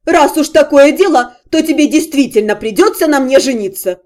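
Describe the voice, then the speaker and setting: A woman voicing a loud, insistent middle-aged aunt in an audiobook, shrill and demanding. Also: expressive, moderate pace. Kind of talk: audiobook character reading.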